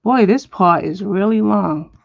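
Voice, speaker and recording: A chatty woman hosts a coloring livestream from home, chatting casually while she colors, reading viewer comments, answering people by name and sometimes dropping to a whisper. Her medium-pitched voice has vocal fry and a measured pace. The recording is muffled and dry, with no room sound.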